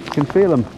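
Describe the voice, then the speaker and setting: A high-pitched male voice comes through against a noisy background. The speaker, a middle-aged hiking vlogger, chats casually to camera and to his dog while on a mountain ridge, filming with an action camera on a pole.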